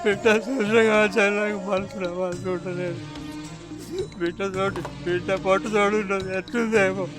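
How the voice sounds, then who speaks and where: A heartbroken middle-aged father, played by a man with a Telangana accent, lamenting in a heavy, sorrowful way. His voice is fairly high. Clear film music runs behind him. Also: steady tone, moderate pace, lightly acted. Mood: grieving. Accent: Telangana Telugu. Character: grieving father of a married daughter. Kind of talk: village short film acting. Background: background music.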